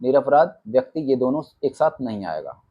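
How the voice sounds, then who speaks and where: A man's voice: mid-range voice, moderate pace, dull audio. A man teaching an exam-prep class, reading out multiple-choice options and then stating which one is correct. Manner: reads options, then states the answer flatly. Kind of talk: rapid-fire quiz answer walkthrough.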